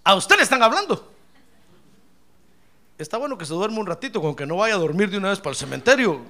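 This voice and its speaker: A pastor delivers an animated sermon, his high, bright voice swinging widely between peaks and low asides. He addresses the congregation as brother, jokes with them, and mimics their complaints. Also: fast. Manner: animated preaching, calls listeners brother, acts out complaints.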